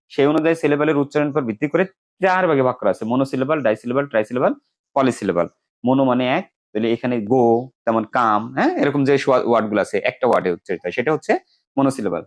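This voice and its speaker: A man with a Bangladeshi accent teaching an English grammar lesson to students, explaining step by step and slowly repeating key words. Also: mid-range voice.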